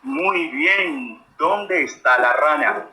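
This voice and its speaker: A man's voice: fairly high pitch, extremely slow, roomy sound, noisy background. A man giving a friendly grammar lesson to children and asking them questions. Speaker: teacher.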